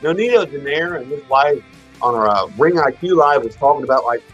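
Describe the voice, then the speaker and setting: A man's voice: mid-range voice, lively intonation, fairly quick, fairly bright tone, breathy edge, muffled recording, soft background music. A man co-hosting a podcast, telling a long story in crude casual chat, rambling, trailing off and restarting. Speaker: podcast co-host.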